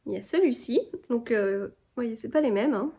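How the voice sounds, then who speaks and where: A woman talks casually to her camera at home, in a vlog. Her voice sits a little high. She hesitates often, with many fillers and restarts. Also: expressive, moderate pace, dark tone. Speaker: vlogger. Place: home indoors.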